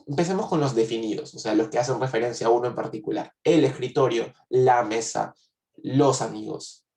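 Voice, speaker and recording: A man's voice: medium pitch, fairly quick, gravelly, mellow, roomy sound, far from the mic. A man giving an online language lesson, patiently explaining and repeating points and checking if students follow. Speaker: French teacher.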